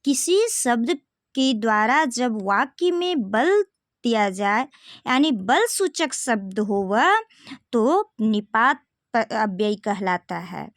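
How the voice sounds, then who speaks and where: A young woman teaches grammar in a high, sing-song voice that swoops up and down as she asks her students questions. She talks slowly and stretches the key words. The recording is dry and close. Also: big pitch swings, no echo. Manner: explains step by step, asks rhetorical questions to students. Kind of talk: classroom-style video lesson.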